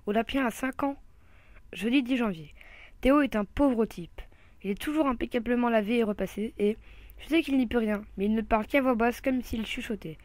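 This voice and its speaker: Woman reading a funny kids' book aloud, slightly high voice, dry close sound. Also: normal speed, no echo. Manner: lively first-person storytelling. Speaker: storyteller. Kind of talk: reading a children's novel aloud.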